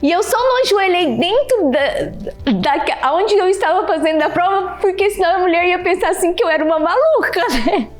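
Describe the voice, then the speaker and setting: A woman giving a heartfelt personal testimony, animated, repeating her phrases and thanking God. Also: very high-pitched, normal speed, soft background music. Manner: animated, repeats phrases, keeps addressing the listener by name; religious, thanks God openly. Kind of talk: emotional personal storytelling.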